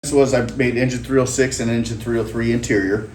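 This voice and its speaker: A man's voice: medium pitch, little pitch movement, fast talker, darkish tone. A male fire commander methodically recounting an incident response. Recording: echoey room with faint noise.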